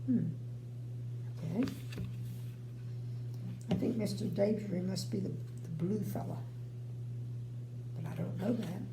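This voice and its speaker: An older woman, a grandmother, reads a bedtime story to children, adding folksy, chatty asides. Her mid-range voice is gravelly and slow, with frequent pauses, captured in a roomy home recording with a faint hum.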